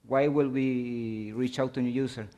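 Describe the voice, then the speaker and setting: Halting man giving a slide talk. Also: medium pitch, fairly even intonation, dark tone. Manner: halting, searching for words. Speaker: conference presenter. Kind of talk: technical presentation with slides.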